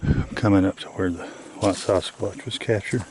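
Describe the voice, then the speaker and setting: A middle-aged man walking a forest trail, out of breath, who often drops his voice to a hush as he talks to a handheld camera. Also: low-pitched, fairly even intonation, moderate pace. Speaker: vlogger on a woods hike. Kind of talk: casual walking vlog.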